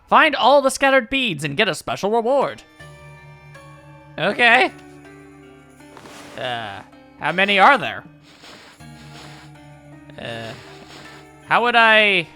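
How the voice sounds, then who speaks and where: High-pitched, animated man commentating on a game. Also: slow, long pauses, soft background music. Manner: wry, rambling, thinking aloud. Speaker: video game let's player. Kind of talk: casual, joking gameplay commentary.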